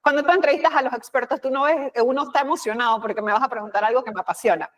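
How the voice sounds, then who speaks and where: A woman's voice: high-pitched, very fast. A woman with a Panamanian Spanish accent, a communication expert talking expressively in an interview, with frequent fillers and quoted asides. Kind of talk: conversational interview.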